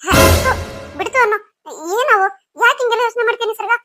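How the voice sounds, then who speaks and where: Woman voicing a caring cartoon big sister, coaxing, very high, bright, dry. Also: fast, dry recording, faint music behind. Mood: soothing. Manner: coaxing and reassuring. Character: caring older sister, soothing and firm. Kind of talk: cartoon story voice acting.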